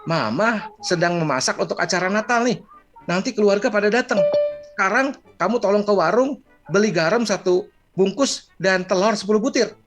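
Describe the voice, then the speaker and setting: A man's voice: high voice, moderate pace, fairly bright tone, faint music behind, voice pushed up. A man voicing a busy mother who coaxes and scolds her son in a children's story. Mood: coaxing. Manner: coaxing, exasperated.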